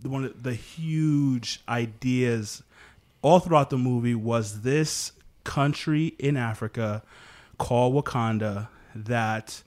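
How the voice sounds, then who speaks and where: A relaxed man hosts a casual podcast talk at a middle pitch. He laughs easily as he sets up topics and turns questions to his guests. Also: slow. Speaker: host.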